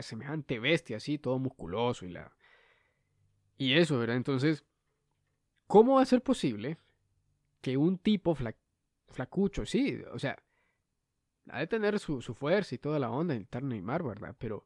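A man's voice: fairly high pitch, dry recording, studio quality. A young man, hosting a podcast in a rambling, joking monologue full of fillers. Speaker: podcast host. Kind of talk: casual comedic monologue.

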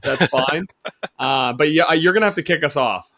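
A man hosting a casual podcast chat, teasing his guests with quick laughs. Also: fairly high pitch, bright, forceful tone. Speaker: podcast host.

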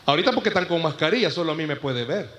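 High-voiced Salvadoran pastor preaching. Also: male voice, lively intonation, rapid-fire, fairly bright tone, big-room sound. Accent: Salvadoran Spanish. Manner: storytelling preacher with humor and rhetorical questions. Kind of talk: sermon. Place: church.

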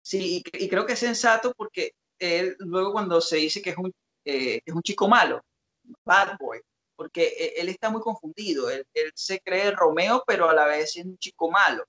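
A man's voice: high voice, moderate pace, pushed and bright. A man co-hosting a casual analytical talk, reflective and hesitant, with frequent fillers. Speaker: co-host analyzing song lyrics.

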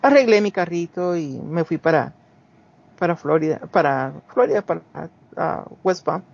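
An animated Guatemalan guest in his forties speaks at a moderate pace in a voice on the high side, with some vocal fry. With a Guatemalan Spanish accent, he rambles casually through personal stories, restarting and voicing quotes. The recording is dull and lo-fi.

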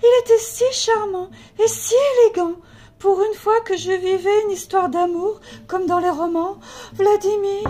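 A woman's voice: extremely high pitch, takes it slowly, warm tone, voice pushed up. A woman doing a gushing, romantic spinster lady. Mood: lamenting.

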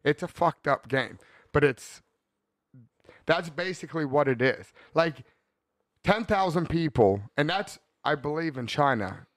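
A man's voice: a little high, lively intonation, a little slow, dry recording, clean studio sound. A man in his thirties hosting a podcast, chatting casually in a rambling, profane way and laughing often. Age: 30s. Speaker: podcast host. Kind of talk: casual chat.

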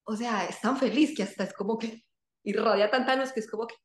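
A woman's voice: fairly high pitch, fairly quick. A woman, a guest telling her story in casual conversation, repeating phrases for emphasis. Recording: echoey room.

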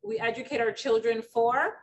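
A woman's voice: a little high, steady tone, moderate pace, lo-fi sound. A middle-aged woman from the Dominican Republic hosting a casual interview, chatty and full of stories, often using fillers. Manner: chatty, storytelling, many fillers. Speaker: podcast host. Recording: distant mic with faint background noise.

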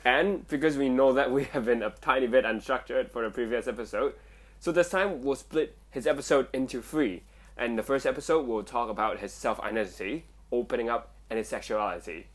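A man's voice: medium pitch, brisk. A man co-hosting a casual podcast, setting out the plan for the episode and steering the talk. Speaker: podcast co-host.

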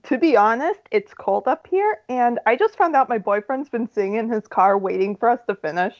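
A woman's voice: fairly high pitch, lively intonation, brisk, highs cut off. A woman co-hosting a casual sports chat, brief and dry in her remarks. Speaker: co-host.

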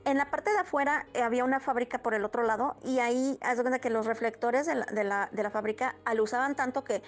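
A woman's voice: a little high, fast talker. A woman tells a personal story casually, full of fillers and restarts. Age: 30s. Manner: rambling, many fillers and restarts. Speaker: guest storyteller.

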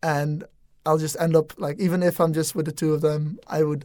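Speaking fairly quickly in a deep, level, darkish voice, this young adult exchange student from the Netherlands talks casually on a student podcast. She's a native Dutch speaker with a Dutch accent, thoughtful and hesitant, often saying "um" and restarting. The recording is clean studio sound with no room noise.

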